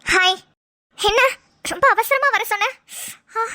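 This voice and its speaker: A woman voicing a lively young woman who teases her childhood friend in quick banter. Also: extremely high pitch, full character voice. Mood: teasing.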